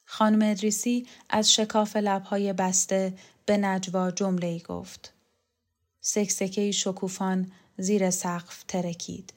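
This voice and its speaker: A woman narrating a literary novel in a calm, measured reading voice. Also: medium pitch. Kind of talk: scripted audiobook narration of a novel.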